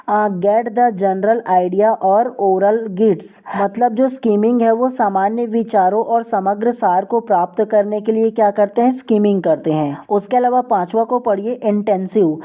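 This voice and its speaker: A woman teacher giving an online exam-prep lesson, reading each definition out slowly and then explaining it step by step, often asking what the term is called before answering. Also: medium pitch, mellow. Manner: repeats the question "what will we call it?" before each answer.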